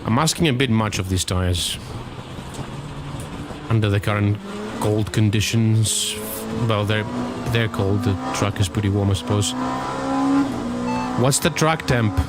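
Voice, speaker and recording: A man's voice: lowish voice, a little slow, pauses often, over loud music. A man streaming a racing game, muttering to himself and swearing casually, his voice cracking a little. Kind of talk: casual gameplay commentary. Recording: loud race car engine noise. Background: loud race car game audio.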